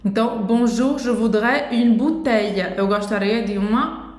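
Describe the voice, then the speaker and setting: A woman's voice: on the high side, measured pace, darkish tone. Patient woman teaching pronunciation, echoey. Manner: patient, explains step by step. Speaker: French teacher. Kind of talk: pronunciation lesson. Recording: echoey room.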